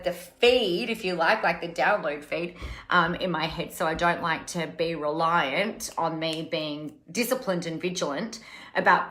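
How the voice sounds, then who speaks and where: Chatty woman with a bright voice. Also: fairly low pitch. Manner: chatty and emphatic, repeats words for effect. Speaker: coach and live-stream host. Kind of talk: casual live-stream chat. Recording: echoey room.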